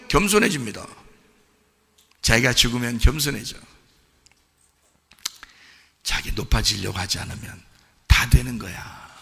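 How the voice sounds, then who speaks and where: A man preaching a sermon as pastor, firing rhetorical questions at the congregation and swinging from hushed asides to shouted exhortation. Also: medium pitch, vocal fry, slightly rough, long reverb tail. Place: church sanctuary.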